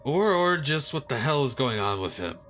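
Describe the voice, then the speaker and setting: Halting flustered police boss, read by a man, bright tone. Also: medium pitch, big pitch swings, faint music behind. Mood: chagrined. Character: police superior, flustered and apologetic.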